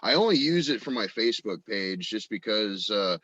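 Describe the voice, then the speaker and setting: As a guest on a podcast, an audio drama actor and writer rambles through personal stories, performing little acted quotes of other people. His lowish voice is very animated at a normal speed, a bit bright with a breathy edge.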